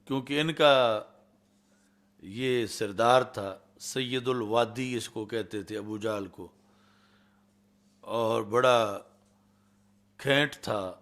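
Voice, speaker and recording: Male Islamic scholar with a Pakistani Urdu accent and a mid-range voice, giving a hadith lecture, measured Arabic recitation followed by Urdu explanation. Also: mid-range voice, a bit bright.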